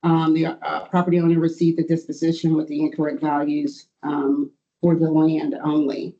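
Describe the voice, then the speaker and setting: A board administrator reads out a formal report in a halting, procedural way. The voice is mid-pitched and very mellow, and the meeting audio sounds muffled. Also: little pitch movement.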